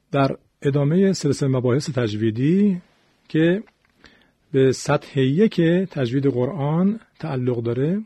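A man teaching Quran recitation in a radio lesson, explaining rules patiently step by step and drawing out example words slowly. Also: mid-range voice, dark tone, slightly rough, no echo.

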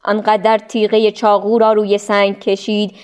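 A woman narrating a storybook in a measured, expressive way. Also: medium pitch, clear, resonant tone. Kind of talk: storybook reading.

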